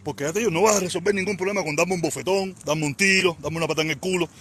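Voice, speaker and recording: A man from Havana with a Cuban accent, his voice pitched high for a man, rants fiercely into a phone on a live stream, often breaking into shouts. He talks outdoors, with faint traffic and car noise humming behind him. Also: racing. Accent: Cuban Spanish (Havana). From Havana, Cuba. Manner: fiery, confrontational, often shouting. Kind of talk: heated live-stream rant. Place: outdoors in a casino parking lot.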